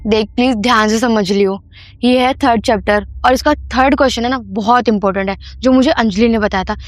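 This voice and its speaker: A woman's voice: on the high side, steady tone, fairly quick, natural voice. A woman playing a friendly classmate who explains a lesson in a casual way in an amateur horror drama. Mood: explaining. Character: friendly schoolgirl friend, a bit reluctant.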